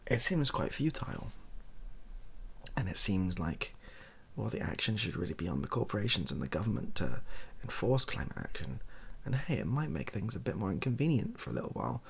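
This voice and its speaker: On the low side and brisk, this British man hosts a video with a very animated delivery. He rambles softly through improvised talk, breathy and often near a whisper, sounding wry, unsure and self-mocking.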